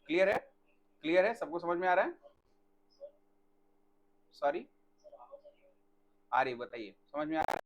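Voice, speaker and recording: A man teaching botany in a live online class, asking students questions by name and dictating answers slowly. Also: a little high, sing-song.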